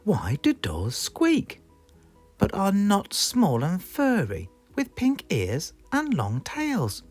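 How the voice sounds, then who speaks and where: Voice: mid-range voice, wildly swooping pitch, slow pace, darkish tone, husky, pitched above the performer's own voice, heavily acted. A British narrator voicing an endlessly curious, wide-eyed little female storybook character full of questions. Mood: inquisitive. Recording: music playing behind the voice.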